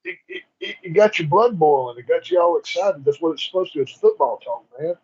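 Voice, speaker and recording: A man with a husky voice, a podcast guest bantering with joking, boisterous trash talk. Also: fairly high pitch, lively intonation, a little fast, darkish tone, muffled recording. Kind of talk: casual banter.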